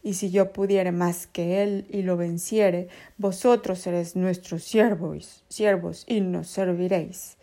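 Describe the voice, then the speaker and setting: A woman's voice: fairly low pitch, fairly even intonation, slow, few pauses, mellow. A woman playing a boastful giant male warrior in a children's Bible story, calling out a challenge in declamatory reading. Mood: defiant challenge.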